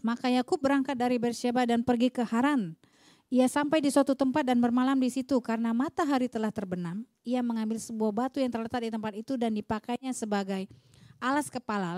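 Woman interpreter, church sermon, rapid delivery, mellow tone. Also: on the high side, no room sound, studio quality. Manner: quick, fluent, occasional hesitations.

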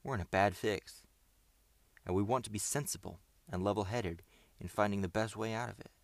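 A man's voice: on the low side, a little fast, gravelly, no room sound. A man reading the part of a sensible, level-headed boy who leads his group, talking things through persuasively. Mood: earnest.

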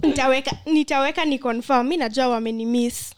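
A young Kenyan woman with a high voice trades casual banter with her podcast friends. She speaks as one of the co-hosts. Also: fast talker, smooth. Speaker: podcast co-host.

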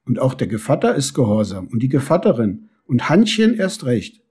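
A man voicing a strict but soft-hearted mother beetle who scolds her son, in a storybook reading. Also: medium pitch, very animated, moderate pace, breathy edge. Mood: lecturing.

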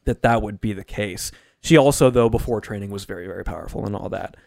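A man chatting casually about a movie, turning loud and high-pitched when he gets worked up. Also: fast talker, gravelly, no room sound, studio quality.

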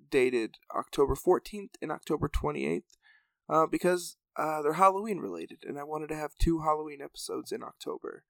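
Man storyteller, gravelly, relaxed and chatty, dry close mic. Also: a little high, no room sound. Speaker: podcast storyteller and host. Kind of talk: reading a serialized story aloud, then casual outro.

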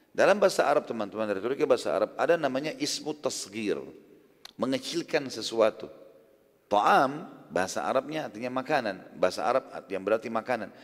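A man giving a conversational sermon, telling a story and explaining words to his listeners. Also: medium pitch. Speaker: preacher. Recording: long hall reverb.

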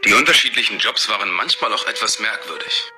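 A man narrating a scripted horror story in a measured storyteller voice. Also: on the low side, lively intonation, sharp tone, a little hiss or hum.

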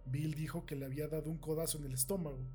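A man narrating a horror story in a measured, unhurried reading. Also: on the high side, steady tone, warm tone, slight background noise.

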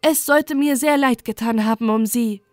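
A woman's voice: a little high, normal speed, a little mellow, no room sound, clean studio sound, close to an everyday voice. A woman voicing a vain, good-natured male moon with a pompous manner in a storybook. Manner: pompous, scheming. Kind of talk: storybook reading.

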